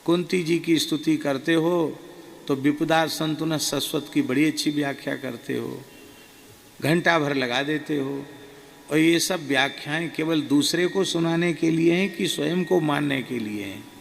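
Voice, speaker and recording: A man voicing an elderly guru who chides a disciple gently but firmly, in a raised, emphatic tone. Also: fairly high pitch, measured pace, creaky. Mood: chiding. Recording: reverberant hall, faint ambient noise.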